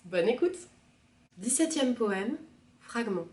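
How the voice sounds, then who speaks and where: A woman librarian reading a poem aloud in a measured, soft expressive manner. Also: fairly high pitch, distant mic. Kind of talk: poetry reading. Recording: roomy, from the mic.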